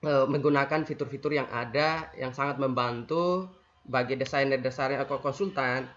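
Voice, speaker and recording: A man teaching an online class with many halting fillers, his audio choppy and breaking up over the call. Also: medium pitch, a bit bright. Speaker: instructor of an online design class. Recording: dull lo-fi video call audio.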